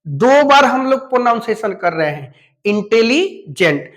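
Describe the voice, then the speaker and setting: A man's voice: very high voice, big pitch swings, moderate pace, a bit bright. A man teaching an English lesson, explaining patiently step by step, spelling words out letter by letter and addressing students familiarly. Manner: speaks to students familiarly and asks them questions. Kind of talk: classroom lesson.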